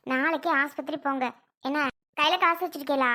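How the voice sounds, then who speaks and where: A woman with a high voice plays a bossy sister-in-law in a comic family skit. She scolds and gives orders. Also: steady tone, fairly quick, sharp tone. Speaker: skit performer.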